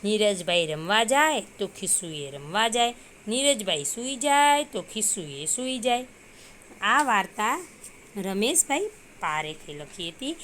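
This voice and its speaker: A woman's voice: medium pitch, big pitch swings, a little slow, fairly bright tone, slight background noise. A woman teacher reading a story aloud to young children and explaining hard words simply.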